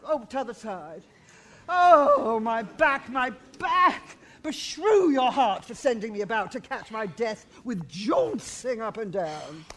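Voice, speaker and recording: A woman's voice: a little high, expressive, takes it slowly, a bit bright, a little hiss or hum. A woman playing a garrulous older nurse in a Shakespeare play, teasing and groaning about her aches. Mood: fussy teasing. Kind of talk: Shakespeare stage acting.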